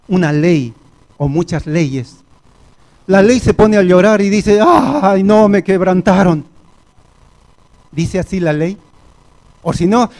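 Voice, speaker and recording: Slow high-voiced Argentine preacher. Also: male voice, darkish tone. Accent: Argentine Spanish. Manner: slow, deliberate preaching, often addressing the congregation as brothers. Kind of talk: sermon. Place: church.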